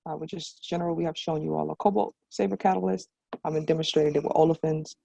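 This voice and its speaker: A woman's voice: sits low, fairly even intonation, quick pace, gravelly, dark tone, no room sound, highs cut off. A young woman researcher giving a semi-formal scientific presentation on a video call.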